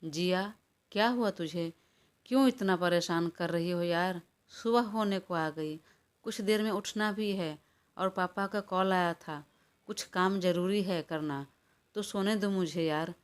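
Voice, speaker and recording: A woman's voice: lowish voice, measured pace, clear, resonant tone, close to an everyday voice. A woman voicing an exasperated young man. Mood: weary. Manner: exasperated, pleading for rest. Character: irritated, weary young man. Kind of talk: audiobook character voice.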